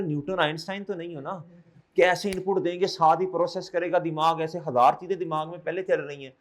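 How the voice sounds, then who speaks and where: A middle-aged man lectures an accounting class in a somewhat high voice. He coaxes and scolds by turns, often firing questions back at his students. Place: classroom, also streamed online.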